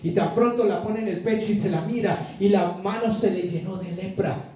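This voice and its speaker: Colombian male preacher, storytelling sermon, mellow high voice, roomy hall sound from a distance. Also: normal speed, slight background noise. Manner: storytelling, acting out quoted dialogue. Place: church sanctuary. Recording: echoey church hall, speaker away from mic.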